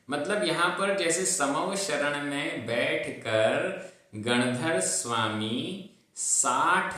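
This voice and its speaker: A man's voice: mid-range voice, bright, forceful tone. A man teaching a lesson on reciting verses, patiently repeating syllables to drill their pronunciation. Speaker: Prakrit teacher. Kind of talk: recorded lesson on chanting and meaning of Sanskrit verses. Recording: very echoey room.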